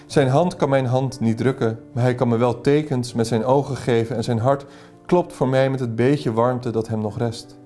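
A melancholy young woman in love, voiced by a man reading from a novel. Her anxious lines are read at a slightly lifted pitch in a dark, mellow tone. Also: steady tone, normal speed, few pauses, faint music behind, close to an everyday voice.

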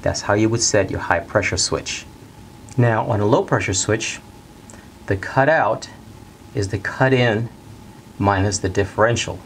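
A middle-aged man teaching a technical lesson at a whiteboard in a studio, talking plainly and steadily and repeating the key steps slowly. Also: lowish voice, slight background noise. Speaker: HVAC instructor. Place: bright indoor studio at a whiteboard.

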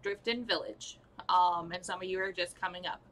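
A young woman narrating as dungeon master on a live stream, halting and full of fillers, laughing at her own slips. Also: fairly low pitch, fairly even intonation, fairly bright tone, rough recording.

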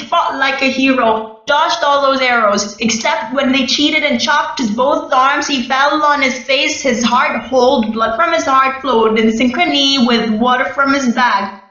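Woman, high voice, rhythmic mournful spoken word recitation; distant, roomy, dull recording. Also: sharp tone. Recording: echoey, distant, muffled recording.

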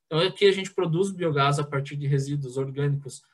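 A man's voice: a little high, fast. A man in his thirties giving an online conference presentation over a headset mic, hesitant, with many filler sounds and restarts. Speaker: president of a biogas association giving a talk. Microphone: headset on a video call.

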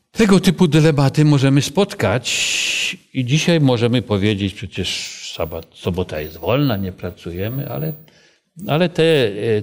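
A man with an ordinary mid-pitched voice leads a small Bible study group. He speaks conversationally, asks the group questions and tells stories from his own life.

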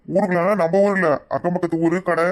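A man's voice: high-pitched, little pitch movement, fast talker, natural voice. A man voicing a bossy, teasing young village man, with a Kanyakumari Tamil accent.

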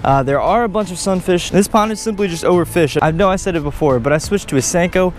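Excitable young man fishing outdoors. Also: sits high, quick pace, soft background music. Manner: excitable, says "literally" and "dude" a lot. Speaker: fishing vlogger. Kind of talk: casual fishing vlog. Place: outdoors by a pond. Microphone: action camera worn on body.

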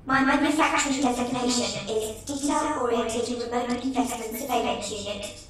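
A woman voicing a female robot ship assistant from a game voice pack, speaking in a flat, literal, matter-of-fact way. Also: a little high, moderate pace, roomy sound, distant mic, soft background music.

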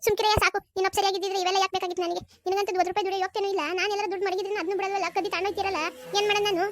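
A shrill scolding village wife. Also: flat delivery, a bit bright. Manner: scolding, rapid complaints. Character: sharp-tongued village wife, woman. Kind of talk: cartoon voice acting.

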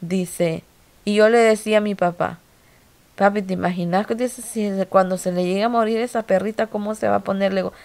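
A woman's voice: mid-range voice, fairly even intonation, fairly quick, gravelly, a little mellow. A middle-aged woman, emotionally retelling a story to her viewers in casual vlog style. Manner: emotional, repetitive retelling with quoted dialogue. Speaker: vlogger.

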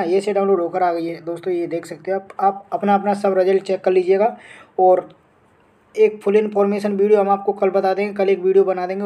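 An Indian man with a warm, high voice narrates a phone screen recording for his educational update channel. His screen-share tutorial is informal and repetitive, peppered with frequent check-in tags.

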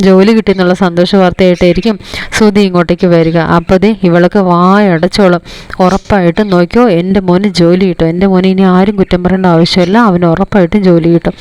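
A woman's voice: on the low side, flat delivery, quick pace, a little mellow, clear, resonant tone, natural voice. A woman voicing a stern, domineering middle-aged mother-in-law who scolds and boasts about her son. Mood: scolding.

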